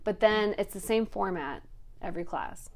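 This podcast host, also a fitness instructor, speaks with medium pitch, lively intonation, and some vocal fry at a moderate pace. She lays out a workout class format one step at a time, casually asking her guest "you know what I mean" again and again.

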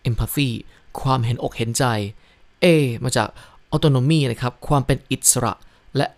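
A man's voice: mid-range voice, a little slow, dry recording. A man hosting a casual book review podcast, speaking politely and ending phrases with a courteous particle, and spelling out English words letter by letter. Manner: polite, fills sentences with ครับ. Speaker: podcast host.

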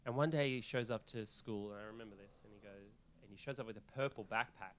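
A man's voice: lowish voice, quick pace, fairly bright tone, slight background noise. A man co-hosting a podcast, telling stories animatedly and swearing casually. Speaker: podcast co-host. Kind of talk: casual chat.

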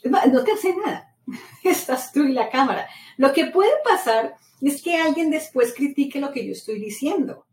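A woman's voice: high voice, normal speed. A middle-aged woman, a podcast host from Latin America, talks casually and with lots of feeling, repeats herself often and keeps telling stories. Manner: animated storytelling, many repetitions. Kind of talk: casual motivational monologue. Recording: roomy echo, mic set far off, faint ambient noise.

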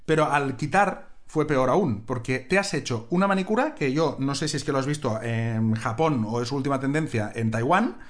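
A man co-hosting a podcast from home, telling stories in a casual, animated way and acting out other people's lines. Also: medium pitch, normal speed, hardly any pauses. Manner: animated storytelling with mimicry. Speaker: podcast co-host. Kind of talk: casual chat.

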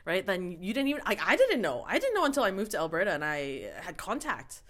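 A woman's voice: mid-range voice, fast talker. Chatty woman podcast host. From Canada. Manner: chatty, laughing, animated questions. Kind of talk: casual podcast chat.

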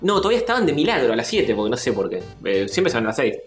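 A man's voice: medium pitch, sing-song, racing, reverberant, soft background music. A man with a Rioplatense Spanish accent, co-hosting a casual podcast and telling an anecdote with acted-out quotes. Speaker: podcast co-host. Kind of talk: casual storytelling chat.

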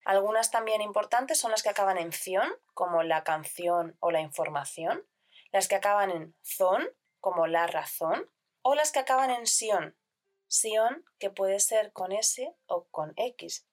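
Woman calmly teaching grammar. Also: mid-range voice. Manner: clear, measured explanation with listed examples. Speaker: Spanish teacher. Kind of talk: scripted grammar lesson.

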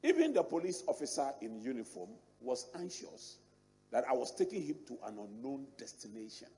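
A middle-aged man with an African accent, preaching a sermon as a bishop in animated storytelling fashion. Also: medium pitch, normal speed, a little hiss or hum. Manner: animated storytelling preacher, repeats and restarts words. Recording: long reverb of a large hall.

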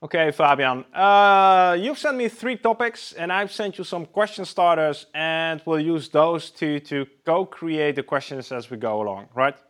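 A man's voice: fairly high pitch, measured pace, hardly any pauses, fairly bright tone. A man hosting an interview podcast, with an upbeat, welcoming presenter delivery. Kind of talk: scripted show introduction and interview.

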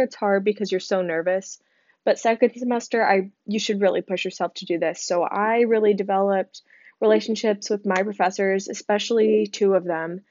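A tired young woman talks frankly and chattily, pitched mid-range and peppered with fillers as she gives casual advice. Her voice sits dry and close, with a slightly dull, muffled sound. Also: darkish tone, no room sound. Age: young adult. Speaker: podcast host.

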